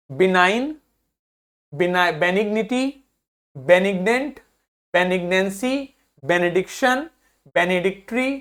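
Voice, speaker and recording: A young man teaching a video lesson to school students in a friendly way, drilling pronunciation slowly and repeating each word several times. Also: high-pitched, a bit bright. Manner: friendly, addresses students as children.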